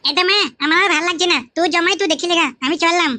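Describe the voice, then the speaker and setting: A woman's voice: very high-pitched, steady tone, rapid-fire. A woman voicing a young wife in an adult cartoon, pleading and soothing her husband.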